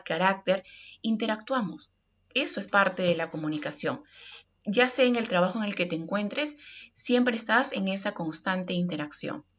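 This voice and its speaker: A woman's voice: medium pitch, fairly bright tone, dull audio. A woman with a Peruvian Spanish accent giving an online workplace communication lesson, explaining step by step and often checking in with "ok?". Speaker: course instructor.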